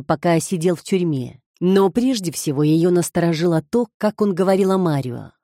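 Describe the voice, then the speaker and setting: A woman reading a novel aloud in a calm, measured way. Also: fairly low pitch, no room sound, studio quality. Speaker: audiobook narrator. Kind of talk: scripted audiobook narration.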